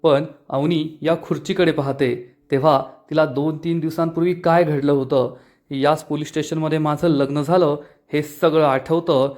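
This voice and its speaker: A man narrating a serial episode recap in a steady, scripted storytelling voice. His voice sits a little higher than most men's. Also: normal speed. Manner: steady storytelling, then quoting characters.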